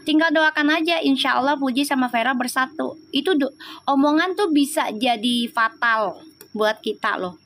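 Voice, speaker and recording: A woman's voice: sits high, moderate pace, a bit bright, a little hiss or hum. A woman giving a chatty live-stream tarot reading, reassuring viewers and adding affectionate, preachy asides. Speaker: tarot reader.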